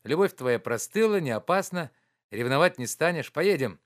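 A man playing a composed, kindly friend who talks lower and evenly, with a gently teasing tone. He sounds grounded and practical, in the manner of a classic audiobook character. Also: expressive, moderate pace, close to an everyday voice. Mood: reassuring. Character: steady, kind male friend, calm and practical.

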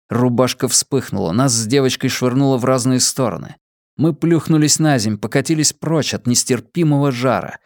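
A man narrates an audiobook in a steady, measured reading voice. His pitch sits in the middle range. The recording is dry and close, with no room echo.

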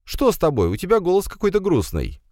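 A man voicing a gloomy young woman talking dryly on the phone in a high voice. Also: wildly swooping pitch, fast, mellow, no echo, clean studio sound. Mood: sulky.

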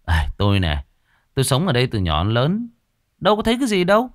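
A man's voice: mid-range voice, huge pitch swings, fast talker, no echo, studio quality, pitched above the performer's own voice. A man voicing a skeptical young man who teases his friends. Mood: reassuring. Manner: teasing, mocking.

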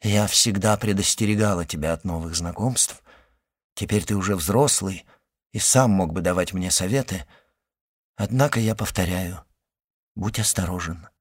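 A man voicing a pensive, worried noble mother in an audiobook, speaking softly and hesitantly. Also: on the low side, animated, normal speed, gravelly. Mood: warning. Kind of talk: audiobook character reading.

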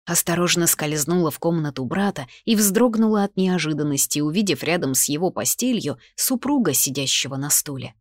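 A woman reading a first-person fantasy romance audiobook in a measured, quietly emotional way. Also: deep voice, animated, no echo, studio quality. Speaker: audiobook narrator.

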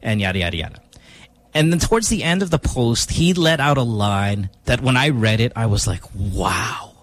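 A man hosting a morning radio show, telling a story in quick, animated banter with laughing asides. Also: mid-range voice.

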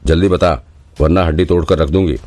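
A man's voice: sits low, fairly even intonation, a little fast, background noise, close to an everyday voice. A man voicing a fierce, threatening female police officer in an audiobook. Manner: harsh, threatening.

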